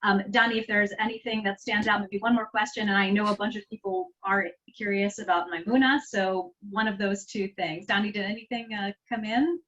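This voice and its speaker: Woman moderator, mid pitch, hesitant, muffled lo-fi sound. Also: fairly even intonation, fairly bright tone. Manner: hesitant, halting. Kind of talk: moderating an online Q&A. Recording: dull lo-fi audio.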